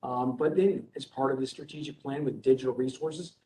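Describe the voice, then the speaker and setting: A man's voice: medium pitch, steady tone, brisk, a little mellow. A man chairing a library board meeting over a video call, speaking in a loose, conversational way full of fillers. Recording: echoey room with faint noise.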